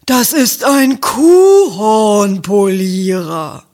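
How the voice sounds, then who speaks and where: Woman doing a sniffy, slow-chewing storybook cow, heavy and drawn out. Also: mid-range voice. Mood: scornful. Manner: slow, smacking, scornful. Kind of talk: storybook reading.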